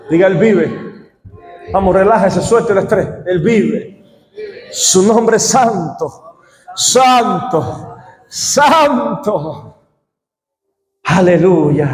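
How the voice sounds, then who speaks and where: A man preaches a sermon as pastor, pushing his congregation to repeat after him and rising into shouts. His voice sits very high. The church hall around him rings with long, roomy reverb. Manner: call-and-response, frequent shouting bursts. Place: church sanctuary.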